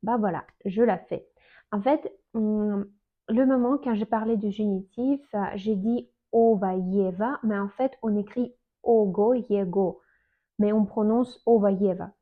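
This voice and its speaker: Slow-spoken woman, tinny sound. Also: medium pitch. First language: Russian. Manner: hesitant, many fillers and restarts. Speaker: Russian teacher. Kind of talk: casual video lesson.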